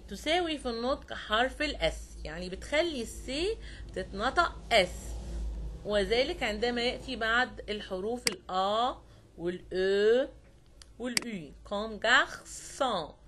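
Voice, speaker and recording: Give me a patient woman with an Egyptian accent teaching a French lesson in a slightly high voice. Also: fairly bright tone, a little hiss or hum. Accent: Egyptian Arabic. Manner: patient, repeats words slowly and checks understanding. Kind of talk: online French lesson for young students.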